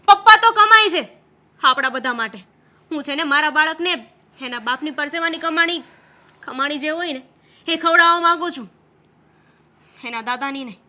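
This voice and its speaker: A woman's voice: very high voice, pushed and bright, full character voice. A young wife scolding her husband. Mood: angry. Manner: scolding, insistent. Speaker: actor as the wife. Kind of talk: Gujarati short film acting.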